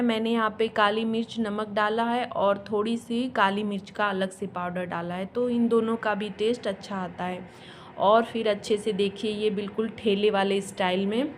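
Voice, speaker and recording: An Indian woman, an adult mother, narrates her home cooking and cleaning vlog in a casual voice-over. Her voice is fairly high and a bit bright, and she sounds chatty and explanatory, adding homely asides over slight background noise.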